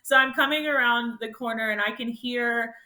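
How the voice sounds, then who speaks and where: A woman with a bright, fairly high voice recounts her race as a podcast guest. She tells it animatedly, laughing often, and her voice jumps up when she relives tense moments. The recording sits in a noticeably echoey room. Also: steady tone, moderate pace. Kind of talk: casual storytelling interview.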